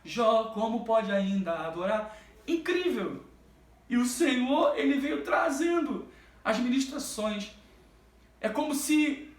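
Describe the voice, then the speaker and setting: A man giving an emotional religious testimony as a gospel singer, fervent and halting, with many restarts and drawn-out repeats. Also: very high voice. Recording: roomy and distant from the mic.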